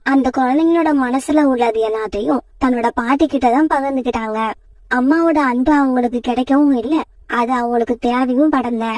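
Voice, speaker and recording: Calm woman narrating a cartoon story. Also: sits high, a little fast, no room sound, far from the mic.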